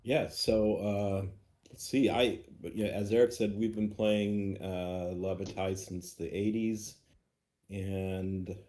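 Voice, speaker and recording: A middle-aged man playing a wargame, talking slowly and hesitantly. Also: fairly low pitch, level tone, mellow. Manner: slow, hesitant. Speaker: player. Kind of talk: casual chat.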